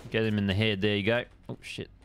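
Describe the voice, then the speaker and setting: A man's voice: on the low side, little pitch movement, fast talker, gravelly, slight background noise. A young adult man, chatting casually on a gaming live stream, rambling laid-back and swearing at the game.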